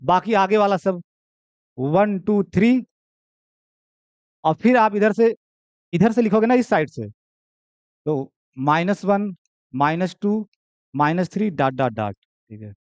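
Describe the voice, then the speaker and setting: A man's voice: sits high, animated, slow pace, pauses often, a little mellow, no room sound, lo-fi sound. A young man teaching university maths in Hindi in a chatty lecture style, with joking asides, who keeps asking "theek hai?". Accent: Hindi, Uttar Pradesh. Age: young adult. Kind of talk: classroom lecture.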